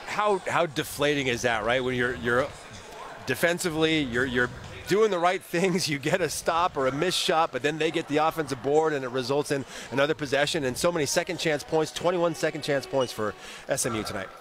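A man host asking a coach brisk, leading postgame questions. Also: on the high side, a bit bright, slight background noise. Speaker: radio play-by-play host. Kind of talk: postgame interview.

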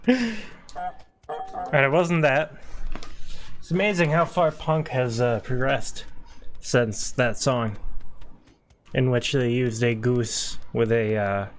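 Slow-talking joking male game streamer. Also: medium pitch, faint music behind. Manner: joking, swears freely, talks to chat. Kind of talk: casual gameplay commentary.

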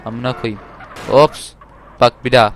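A man giving casual gameplay commentary, talking loudly and swearing and shouting at the game. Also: medium pitch, steady tone, measured pace, a little hiss or hum. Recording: game music playing behind.

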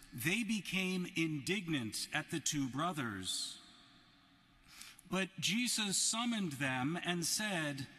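A man giving a solemn, measured gospel reading at Mass in a large basilica, his voice ringing with cathedral echo. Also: on the high side, bright, forceful tone. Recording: long cathedral reverb in a basilica.

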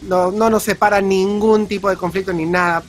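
A man's voice: high voice, fairly even intonation, a little fast, a crowd in the background. A man with a Peruvian accent, chatting casually as a speedrun stream commentator, upbeat and full of fillers. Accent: Peruvian Spanish. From Peru.

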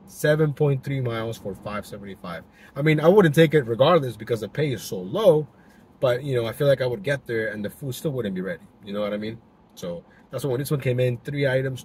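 Through a roughly recorded dash-mounted camera, a young man vlogs casually while driving, using lots of fillers and restarts. His medium-pitched voice is expressive, brisk and a little mellow. Faint car noise is present.

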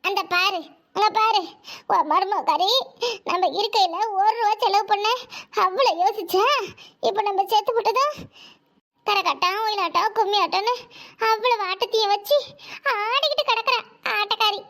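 A woman voicing a bossy village daughter who fakes her own death and gossips and scolds loudly in a cartoon comedy. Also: very high voice, normal speed, pauses often. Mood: gossipy. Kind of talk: cartoon voice acting.

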